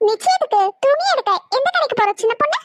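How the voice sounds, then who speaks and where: A woman voicing an excitable, chatty village auntie in a cartoon, talking fussily and repeating herself. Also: extremely high pitch, fast talker, no echo, studio quality. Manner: fussy, repetitive, excitable.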